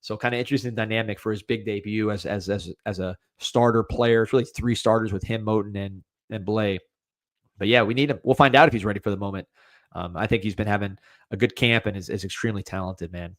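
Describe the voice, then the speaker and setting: This podcast host, a young American man with a slight Cuban-American accent, talks quickly in a steady, somewhat low voice on his casual sports livestream. He rambles, restarts often, and keeps saying "man." There's no room sound in the recording.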